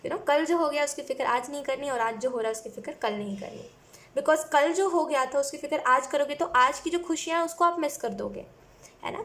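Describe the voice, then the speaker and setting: A young woman giving a chatty tarot reading, talking casually and often asking "है ना" and adding "you know". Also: high-pitched. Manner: chatty, mixes English phrases, repeats "है ना" and "you know". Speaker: tarot reader.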